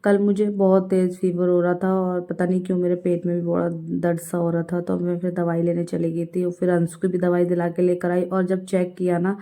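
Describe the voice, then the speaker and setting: Low, even-voiced woman vlogging at home. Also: brisk, hardly any pauses. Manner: chatty, addresses viewers directly; mixes English words into Hindi. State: unwell with fever. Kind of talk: casual home vlog chat.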